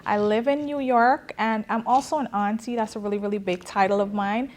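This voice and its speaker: A woman's voice: mid-range voice, fairly even intonation, a little fast, a little mellow, a little hiss or hum. A woman from Guyana, a journalist telling her story in a casual interview. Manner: earnest, storytelling, with fillers. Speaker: journalist guest.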